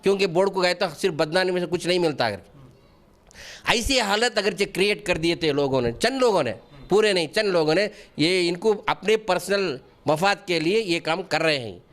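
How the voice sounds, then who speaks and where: A man's voice: high voice, lively intonation, normal speed, a bit bright. A middle-aged man, answering interview questions earnestly and defensively, often restarting his sentences. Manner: defensive and pleading. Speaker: wakf board member being interviewed.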